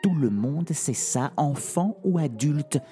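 A man voicing a spoiled, bossy young princess in a storybook tale, snapping and shouting insults at everyone. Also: a little high, lively intonation, takes it slowly, soft background music, voice pushed up. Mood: imperious.

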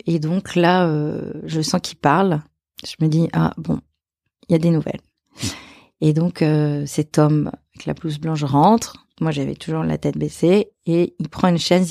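A woman, an actress and author, telling a personal story as a podcast guest, halting and repeating her phrases. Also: sits low, gravelly, a little mellow, no room sound, clean studio sound.

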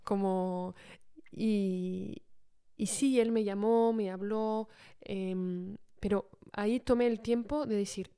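A woman recounts a personal story on a podcast. She has a mellow, smooth voice and a casual, halting delivery. She often pauses and restarts with fillers. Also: mid-range voice, steady tone. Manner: hesitant, many fillers and restarts. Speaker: podcast co-host.

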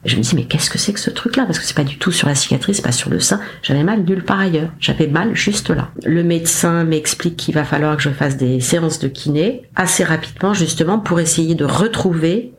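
A woman, a podcast guest, recounting her experience in a casual, animated way, acting out her own lines with self-mocking humour. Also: low-pitched, fairly quick, few pauses. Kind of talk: casual storytelling interview.

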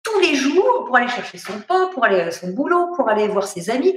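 A woman's voice: high-pitched, big pitch swings, fairly quick, reverberant, slight background noise. A woman from France, an author, speaking as a guest in a casual interview from home and talking in a reflective way with many hesitations. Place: at home during lockdown.

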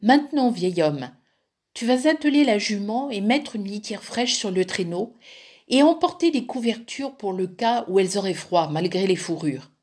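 A woman voicing a bossy, furious old stepmother who scolds and shouts. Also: medium pitch, expressive, normal speed, natural voice.

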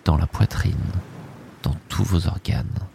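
A man leading a guided sleep hypnosis in a soft, soothing, hushed voice, in short drifting phrases that often sink into a breathy whisper. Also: low-pitched, unhurried, background noise.

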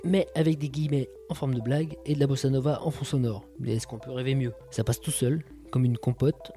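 Mellow, jokey man reviewing podcasts. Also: mid-range voice. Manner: jokey and sardonic, full of quips. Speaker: podcast host reviewing audio shows. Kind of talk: casual chat.

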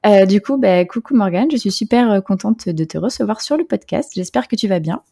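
A woman's voice: mid-range voice, animated, brisk, gravelly, dark tone. A woman hosting a podcast interview, chatting casually with many fillers. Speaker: podcast host.

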